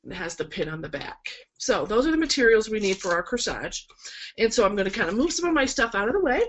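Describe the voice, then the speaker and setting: The recording is muffled: a florist instructor's mid-range voice swings widely in pitch as she talks fast. Stuffed-up and nasal with a cold, she demonstrates a webinar project at an indoor work table, chatting encouragingly with frequent ums into a camera mic.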